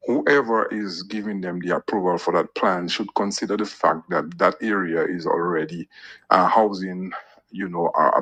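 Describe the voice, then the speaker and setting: Deep, husky man in a voice note. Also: sharp tone, low-quality recording. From Dominica. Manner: measured, critical, explains point by point. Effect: recorded voice note played on air. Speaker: listener sending a voice note. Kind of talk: call-in radio commentary.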